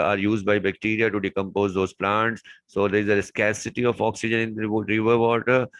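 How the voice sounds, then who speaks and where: Guy with going thru chem exam answers, lowish voice, super dry close sound. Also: fairly bright tone, dry recording, rough recording. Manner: explains step by step, repeats key words. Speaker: chemistry tutor. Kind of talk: exam paper walkthrough lesson.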